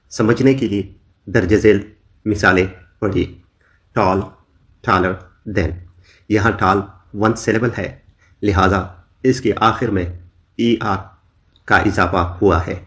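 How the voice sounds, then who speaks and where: Slow, low-voiced man teaching grammar. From Pakistan. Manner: slow, deliberate dictation of examples. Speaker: English teacher. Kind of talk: grammar lesson explaining in Urdu.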